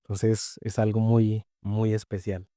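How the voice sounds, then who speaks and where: A man's voice: lowish voice, little pitch movement, a little slow, mellow, no echo, studio quality. A young man with a Colombian accent, a podcast guest telling his personal faith story in an earnest, heartfelt way, often repeating phrases.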